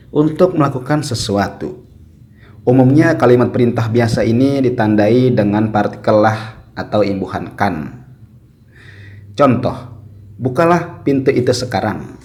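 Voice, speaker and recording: A man explaining a grammar lesson slowly and deliberately. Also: medium pitch, darkish tone. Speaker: teacher. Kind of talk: recorded lesson.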